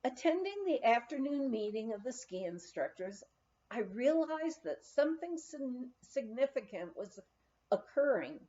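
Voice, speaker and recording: An audiobook reader with a fairly high voice narrates a lighthearted, humorous memoir. She reads expressively, her melody very animated and her phrasing deliberate, though the recording is slightly muffled and lo-fi.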